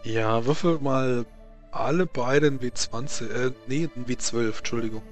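A man's voice: medium pitch, measured pace. A man narrating a tabletop game as game master, improvising in hesitant phrases. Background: faint music.

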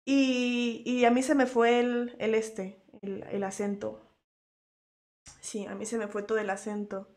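High-voiced, animated Colombian streamer woman. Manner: animated, slangy, quick laughs, playful teasing. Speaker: VTuber streamer. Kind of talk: live stream reaction chat.

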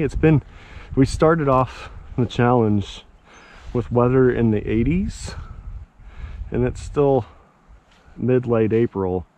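Out at a pond, a middle-aged fishing vlogger chats casually to his audience and to himself, recording on an action camera he holds or wears. His voice is medium in pitch and a little mellow.

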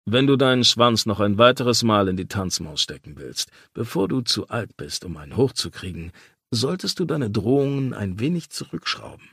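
A man's voice: on the low side, big pitch swings, moderate pace, creaky, a bit bright, husky, no room sound, studio quality, exaggerated voice. A man playing a cocky, teasing buddy. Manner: mocking, cheeky. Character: teasing crude young man, cocky friend.

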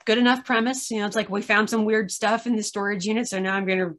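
A woman's voice: medium pitch, steady tone, fast talker, a bit bright. A tired woman chatting casually over a video call, giving a candid critique and laughing often as she complains. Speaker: podcast reviewer.

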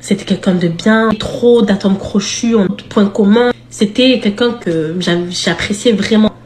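A young woman telling her own scary story in an animated, confiding way, speaking straight to her listeners. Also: mid-range voice, unhurried. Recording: roomy echo, faint background noise.

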